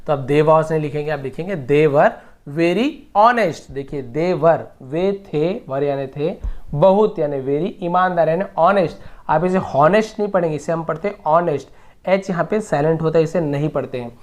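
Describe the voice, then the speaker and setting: A man teaching English grammar, patiently repeating each example slowly word by word. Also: a little high, a little mellow. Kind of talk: explaining grammar lesson.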